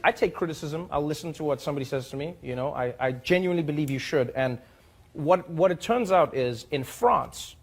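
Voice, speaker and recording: A man from Africa, hosting a talk show and delivering a comedic monologue with animated, amused storytelling. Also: a little high, fairly quick, husky. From South Africa.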